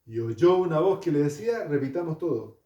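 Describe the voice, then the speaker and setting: Man preaching a sermon, higher voice, mellow tone; heard from a distance in a roomy hall. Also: animated, a little fast, highs cut off. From Chile. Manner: storytelling, asks the congregation questions. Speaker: pastor. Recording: echoey hall, distant mic.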